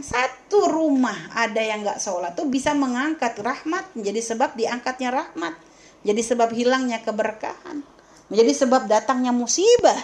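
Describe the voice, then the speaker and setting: A woman religious teacher giving a lecture in a question-and-answer session, emphatic and scolding, full of rhetorical questions and speaking familiarly to her listeners. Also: high-pitched.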